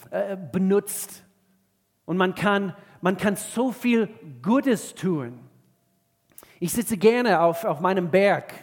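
A male pastor from the southern United States, preaching an earnest sermon in German with many halting restarts. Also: fairly high pitch, darkish tone, big-room sound. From Georgia, southern USA.

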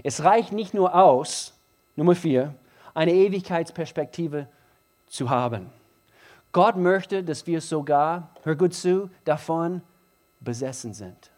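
A preacher with a fairly high voice delivers a slow, emphatic sermon, repeating key phrases. He swings between hushed, intimate passages and loud, driving emphasis.

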